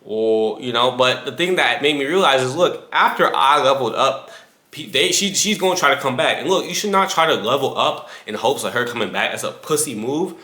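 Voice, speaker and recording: A man's voice: mid-range voice, animated, fairly quick, sharp tone. A man in his twenties giving casual advice straight to the viewer, full of slang and asides. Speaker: fitness creator. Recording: echoey room.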